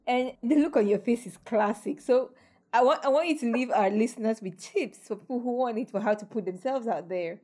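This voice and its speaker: Woman interviewer, casual and affirming; quickens when making points. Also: a little high, darkish tone.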